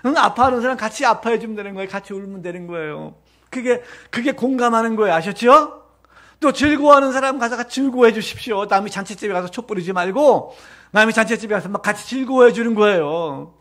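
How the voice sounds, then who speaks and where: In a church sanctuary, a middle-aged pastor preaches a Sunday sermon, animated and joking, often mimicking other people's voices. His voice is high and he talks fast.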